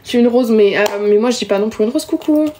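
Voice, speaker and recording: A woman's voice: on the high side, quick pace, mellow, a little hiss or hum. A young woman chatting casually with viewers during a live stream, self-mocking and talkative, recorded on a phone at home. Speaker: livestreamer.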